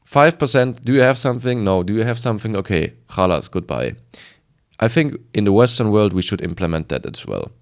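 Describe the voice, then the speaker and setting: A sales coach with a strong German accent gives informal advice to camera, emphatic and repetitive, often acting out short bits of dialogue. His voice sits on the low side and is expressive, fairly quick and clean.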